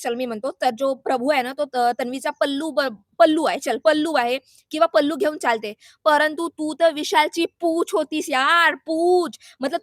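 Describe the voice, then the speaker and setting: A woman's voice: high voice, a bit bright, no room sound, clean studio sound. A young woman vlogger giving her sarcastic, indignant take on a reality show, scolding and mixing in English and Hindi words. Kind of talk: opinionated reaction vlog.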